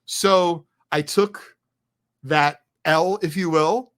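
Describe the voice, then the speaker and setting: A middle-aged man telling a story in an excited, chatty, candid way as a guest. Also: on the high side, drawn-out words. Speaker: card collecting business guest. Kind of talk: animated storytelling.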